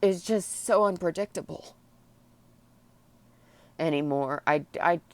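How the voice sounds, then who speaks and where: A woman crying and very upset, venting personally in a blubbering, tearful, halting way. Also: lowish voice, dry recording. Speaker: vlogger. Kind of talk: emotional personal vent to camera.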